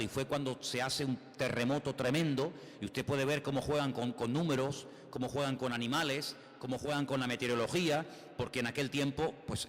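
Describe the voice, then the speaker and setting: A man's voice: mid-range voice, long reverb tail. A man with a Spain Spanish accent preaching a sermon as a pastor, emphatic, full of rhetorical questions and repeated phrases.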